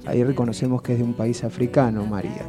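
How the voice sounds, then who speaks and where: A man with a Rioplatense Argentine accent telling a comic story on the radio in a rambling, deadpan way with frequent restarts. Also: medium pitch, fast, music in the background. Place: radio studio.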